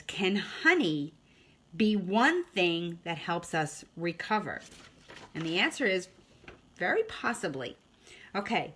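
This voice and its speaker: An online health host with a medium-pitched, fairly bright voice leads a casual live-streamed talk. She's chatty, greets viewers by name, and frequently checks in with "okay?"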